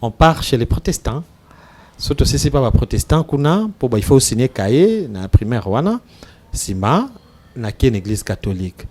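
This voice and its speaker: Unhurried Congolese priest with a mellow voice. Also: male voice, medium pitch, sing-song. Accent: Congolese French. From Democratic Republic of the Congo. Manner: measured, hesitant, many pauses and fillers. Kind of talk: casual interview talk, mixing French and Lingala. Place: TV studio.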